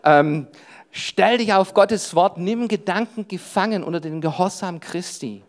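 Male preacher, family man, youth sermon, punchy and direct, peppered with "hey", sinks his voice low for inner thoughts. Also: measured pace. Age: adult with wife and children. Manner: emphatic, often breaks in with "hey". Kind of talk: sermon to young people.

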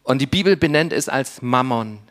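A man preaching a sermon, speaking in short, deliberate phrases with long pauses, often dropping to a soft, low voice for emphasis. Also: lively intonation.

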